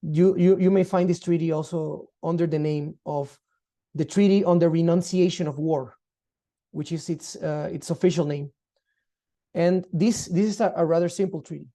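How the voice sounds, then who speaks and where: Very dark-voiced man lecturing. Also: fairly high pitch, fairly even intonation. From Guatemala. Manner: measured, formal, explanatory. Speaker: law lecturer. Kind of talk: online lecture.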